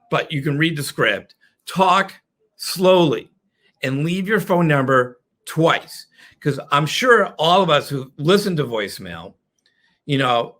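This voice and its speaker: A middle-aged man teaching a sales webinar, animated and playful, slipping into quick mock caller voices as he explains. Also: mid-range voice. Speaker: sales trainer.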